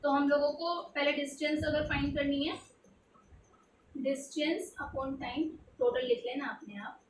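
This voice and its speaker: A high-voiced woman walks through a physics problem, posing questions and answering them herself, with English terms mixed into her Hindi. She sits back from the mic in an echoey room, with faint noise behind her. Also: fairly even intonation, brisk, distant mic. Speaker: tutor. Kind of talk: explaining a textbook physics problem.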